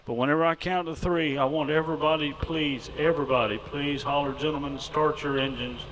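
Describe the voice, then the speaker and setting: A man, the track announcer, speaking on the PA in an emotional, heartfelt, slightly halting way. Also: a little high, steady tone, a bit bright. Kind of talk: live race PA announcing. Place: outdoor racetrack. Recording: outdoor speedway with noise.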